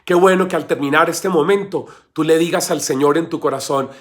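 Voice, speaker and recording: A man giving a weekly scripture reflection as a lay preacher, impassioned and speaking straight to the listener, with his voice dropping to a hush and rising again. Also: fairly high pitch, brisk. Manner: impassioned, swings from loud exhortation to hushed near-whisper; repeats words for emphasis.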